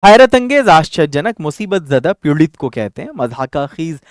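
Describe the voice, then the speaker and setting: A man teaches an online Urdu vocabulary lesson for exam candidates, going word by word, repeating terms and mixing Hindi, Urdu and English. He uses frequent fillers and checks in with "okay" and "theek hai." His voice is on the high side with big pitch swings, at normal speed, in studio quality with no echo.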